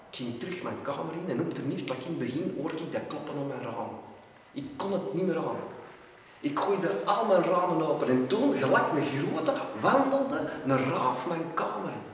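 A man with an Antwerp Flemish accent recites verse in a slow, theatrical way, drawing out his words and sinking into hushed tones. His voice sits a little high and is caught from a distance, with a big echo and a long reverb trail from the doorway of a theatre. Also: slight background noise. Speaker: poetry reciter. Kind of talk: dramatic poetry recital. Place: outdoors at a theatre entrance.

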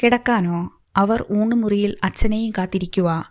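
A woman's voice: mid-range voice, moderate pace, lightly acted. A woman reading the part of a worried wife and mother who keeps questioning her husband. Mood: probing. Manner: pleading, probing.

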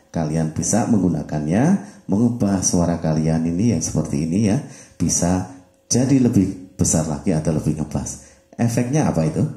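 A man explains mixer settings step by step and counts off test lines into the mic. His voice is low and mellow. The room around him is echoey. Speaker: audio mixer tutorial host. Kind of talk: hands-on equipment demonstration.

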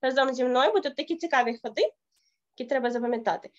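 A woman's voice: sits high, racing, dull audio. A woman vocal teacher leading a children's online singing lesson, patiently coaxing and counting in, a little ill with a cough. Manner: patient, coaxing, counts in and models chants and melodies.

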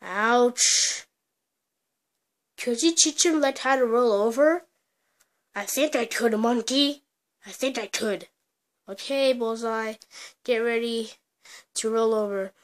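A home toy play video where one storyteller improvises every character in a slow, halting, playful way. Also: medium pitch, a bit bright.

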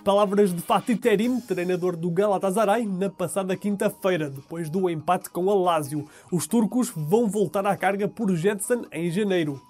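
A man with a European Portuguese accent, presenting football news in a steady scripted read. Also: high-pitched, soft background music. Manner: steady, measured read of sports headlines.

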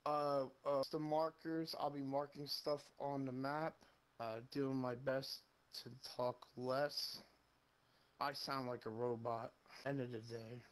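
A man's voice: mid-range voice, flat delivery, slow. Man on a faulty, robotic-sounding mic. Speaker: teammate.

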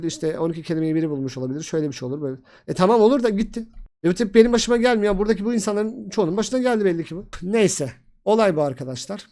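Young male crypto vlogger, high voice, quick rambling delivery, worn out from illness and venting frustration. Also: mellow. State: sick and tired. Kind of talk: casual screen-share vlog.

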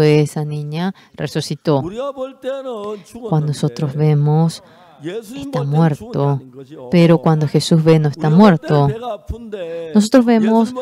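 Animated, mellow-voiced sermon interpreter. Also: mid-range voice. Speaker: interpreter for a pastor.

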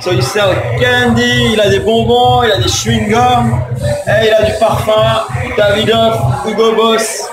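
A man's voice: high voice, flat delivery, measured pace, over music, low-quality recording. A young man, a native French speaker, chatting casually to a handheld phone as a travel vlogger. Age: young adult.

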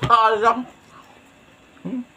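A man's voice: very high-pitched, level tone, extremely slow, bright, forceful tone, slight background noise. A man, chatting playfully with his mouth full of food during a casual eating vlog. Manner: playful, laughing often. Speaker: mukbang vlogger.

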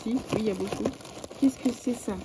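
A middle-aged French woman with a French accent chatting casually while unboxing a parcel, excitable and full of fillers and repeated words. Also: on the high side, fairly quick. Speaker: vlogger. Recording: faint background noise.

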